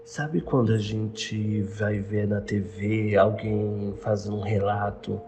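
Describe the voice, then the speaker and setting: A young man with a Brazilian Portuguese accent tells a personal story casually in the first person, retelling conversations with halting restarts. His voice is lowish, steady, and mellow, set against noisy background ambience.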